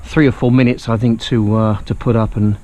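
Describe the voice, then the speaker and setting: A man's voice: on the low side, level tone, fairly quick, a little mellow, a little hiss or hum. A man from England talking casually in a video diary, rambling and joking about himself. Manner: chatty, self-mocking, rambling. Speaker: vlogger. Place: outdoors.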